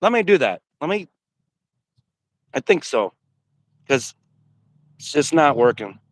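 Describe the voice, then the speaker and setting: A man's voice: fairly high pitch, big pitch swings, slow, no echo. A man on a video call joining a live stream, patiently repeating himself over a choppy connection. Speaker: guest calling in to a live stream. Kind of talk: casual chat.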